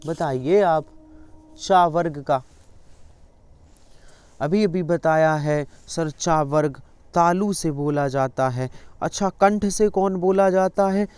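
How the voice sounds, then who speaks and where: A man's voice: on the high side, slow, pauses often, a little mellow, clean tone, dry recording. A male teacher running an exam-prep lesson, repeatedly coaxing students to answer his questions.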